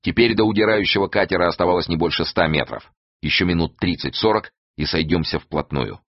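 A man reading an adventure novel aloud as narrator, with expressive storytelling. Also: deep voice, brisk, no room sound, muffled recording. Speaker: audiobook narrator. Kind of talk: scripted narration.

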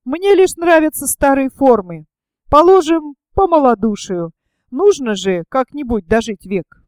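A woman's voice: lively intonation, measured pace, a little mellow, dry recording, studio quality. Woman playing a vain old male writer. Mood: pompous musing. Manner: affected, sugary squeak when fawning. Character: vain, pompous elderly male celebrated writer.

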